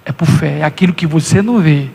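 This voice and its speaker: A male pastor preaches a sermon in a notably high voice, driving hard and leaping upward whenever he acts out a quote. His words ring out with the long reverb of a church hall. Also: fast, creaky, a little mellow. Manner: impassioned preaching with sudden high-pitched acted quotes.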